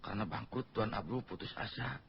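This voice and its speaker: A man's voice: fairly low pitch, animated, fairly quick, dull audio, heavy background noise. A Sundanese man in a comedy sketch, playing a hesitant, rambling simpleton. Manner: dim-witted, rambling, hesitant.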